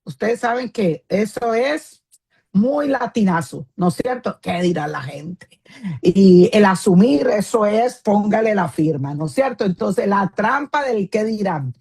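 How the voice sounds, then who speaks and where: A woman's voice: mid-range voice, lively intonation, a little slow, creaky, darkish tone, breathy edge. A woman, a pastor's wife, giving an earnest teaching talk to other women in a firm tone that can sound scolding, with many fillers and "isn't that right?" asides.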